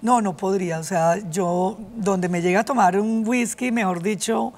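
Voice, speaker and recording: A woman's voice: medium pitch, normal speed, darkish tone. A woman, an actress, chatting casually as a guest in a television interview.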